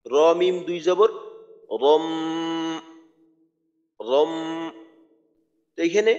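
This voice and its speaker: A man teaching Quran recitation rules, spelling out letters and vowel marks slowly and deliberately. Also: fairly high pitch. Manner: slow, deliberate, drawn-out spelling of sounds. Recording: dull lo-fi sound with long reverb.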